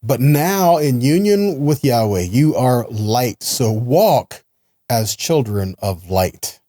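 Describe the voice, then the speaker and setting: In a medium-pitched, warm voice that's animated yet slow, a man teaches a sermon as a preacher and Bible teacher. He reads scripture and explains earnestly, pressing his points with rhetorical questions, in studio-quality audio without echo.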